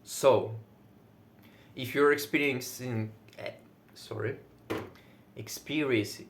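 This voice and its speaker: A video creator who is a native Russian speaker talks casually on his own in Russian-accented English, sometimes pausing to find words and swearing lightly. His voice is mid-range with fairly even intonation, and he says he's loud most of the time.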